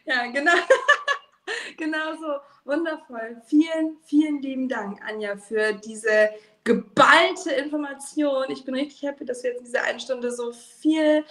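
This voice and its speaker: A woman hosts a podcast over a video call, her voice sitting slightly high. She asks long, encouraging questions and fills the gaps with "ähm". It sounds like a friendly conversation. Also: a little slow. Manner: warm, encouraging questioner, often says "ähm". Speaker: podcast host. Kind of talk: casual conversational interview. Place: room with sloped ceiling.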